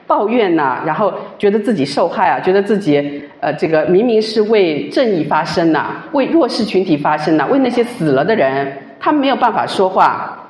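A woman's voice: fairly low pitch, lively intonation, moderate pace, few pauses, a little mellow, echoey room. A woman giving a personal faith testimony at church, emotional and stretching out the particles at the ends of her sentences.

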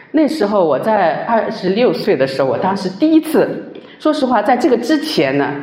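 A woman's voice: lowish voice, a little mellow, reverberant. A woman giving a personal faith testimony at church, emotional and stretching out the particles at the ends of her sentences.

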